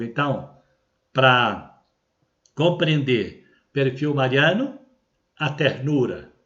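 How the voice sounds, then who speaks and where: A man with a Brazilian Portuguese accent, a bishop giving an unscripted religious teaching, explaining carefully and often checking in with tag questions. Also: medium pitch. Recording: dull lo-fi recording.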